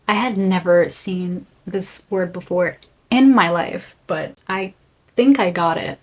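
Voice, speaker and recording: A young Brazilian woman whose first language is Portuguese reflects candidly to camera as a vlogger. Her voice sits on the low side, and she comes across as earnest and reflective, speaking in short, halting phrases.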